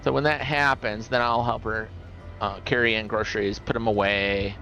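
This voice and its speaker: A man's voice: on the low side, little pitch movement, normal speed, pushed and bright, dull audio, faint music behind. A middle-aged man hosting a casual gaming livestream, rambling and chuckling as he tells stories. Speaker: livestream host.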